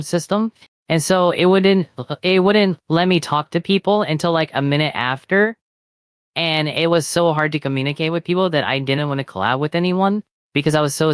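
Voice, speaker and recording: Voice-changed streamer, clear and dry. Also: medium pitch, dry recording. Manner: disguised voice through a voice changer. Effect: voice changer disguising the real voice. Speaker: guest VTuber streamer. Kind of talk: casual chat.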